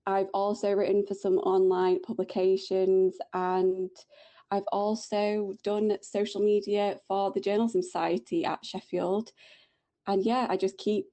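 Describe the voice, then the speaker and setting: Yorkshire woman, 20s, podcast co-host; mellow, warm tone, upbeat and chatty. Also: medium pitch, little pitch movement, a little slow. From Yorkshire, England. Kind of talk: casual chat.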